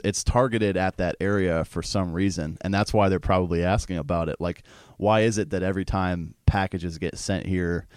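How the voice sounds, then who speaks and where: A man with a deep, low voice reasons aloud about a news story, turning it over with a string of questions. The sound is close and dry, with no room around it. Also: darkish tone, no echo. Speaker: co-host. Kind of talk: casual news discussion.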